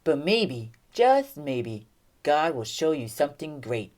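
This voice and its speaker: Animated young woman telling a kids' Bible story. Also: low-pitched, slow pace. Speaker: children's Bible teacher. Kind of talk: children's Bible story lesson.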